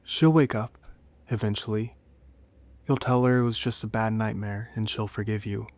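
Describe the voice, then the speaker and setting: Man voicing a coaxing, menacing female demon, low. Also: steady tone, no echo, close to an everyday voice. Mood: calm, persuasive. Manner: slow, coaxing, cryptic speech with soft whispered turns. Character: seductive, menacing female sleep paralysis demon, coaxing and cryptic.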